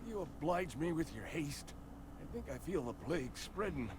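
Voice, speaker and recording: Grumpy, fretful old man, lively swooping pitch. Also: normal speed, background noise. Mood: gloomy, dramatic. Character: grumpy, fretful sickly old man, fearful and self-pitying. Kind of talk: video game character dialogue.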